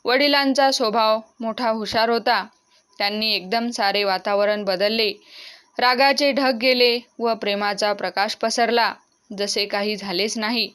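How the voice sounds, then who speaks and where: A woman reading a classic novel aloud as audiobook narration, steady and expressive. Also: fairly high pitch, unhurried, clear, resonant tone.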